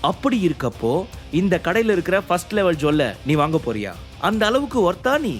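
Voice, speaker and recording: A man voicing a spoiled, haughty rich young woman who mocks and bosses people, in a high, shrill put-on voice. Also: sing-song, a little fast, faint music behind. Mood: taunting. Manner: mocking, shrill, bossy.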